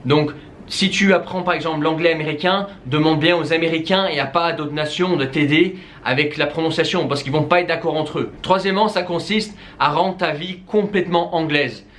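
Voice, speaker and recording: A man's voice: fairly high pitch, a little fast, fairly bright tone. A man from the Netherlands with Dutch as his first language, giving informal language-learning tips straight to the viewer, with many fillers and restarts. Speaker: language coach. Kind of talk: casual spoken tips to camera.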